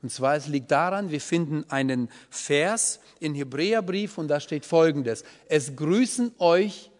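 This man's fairly high voice carries lively intonation as he walks a group through a Bible study a bit slowly. He explains with patience and keeps asking "ja?" to check in, and the hall adds a long reverb.

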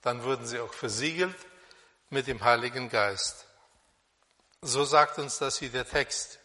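A man preaching a sermon on a Bible passage, speaking slowly and deliberately with pauses and fillers, in a church hall. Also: mid-range voice, sharp tone. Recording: long reverb of a hall.

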